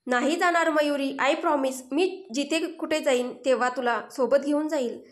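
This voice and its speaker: A woman's voice: high voice, normal speed, natural voice. A woman voicing a caring, protective young man who comforts and reassures in a story reading. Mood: soothing. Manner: gentle, reassuring, sometimes urgent. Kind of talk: Marathi audio story dialogue.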